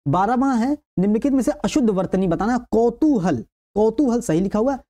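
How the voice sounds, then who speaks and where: A woman leads an exam-prep lesson, her pitch rising and falling in a lively way. Her voice sits on the dark, mellow side. She goes through answers one by one, repeats them and keeps asking if the point is clear. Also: a little fast. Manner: addresses viewers as friends, repeats each answer with frequent checks of "okay"; stresses what is important and tells viewers to keep it in mind. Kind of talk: online lesson on exam questions.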